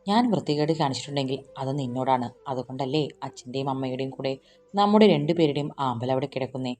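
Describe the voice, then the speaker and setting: A woman voicing a young husband in a storybook romance, speaking low and tender, gruff when upset. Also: fast, dark tone, soft background music. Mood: low teasing.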